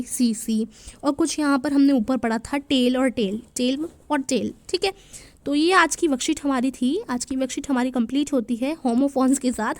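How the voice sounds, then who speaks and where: A woman's voice: fairly high pitch, no room sound. A woman teacher explaining a worksheet to young children, patiently spelling words out letter by letter and mixing English sentences into her Hindi.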